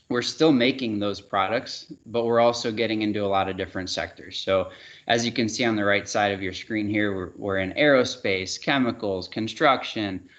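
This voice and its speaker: A man giving a relaxed sales presentation over a video call, with frequent fillers and restarts. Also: lowish voice. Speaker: regional sales manager presenting a webinar. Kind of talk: casual product presentation. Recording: dull, muffled webinar audio.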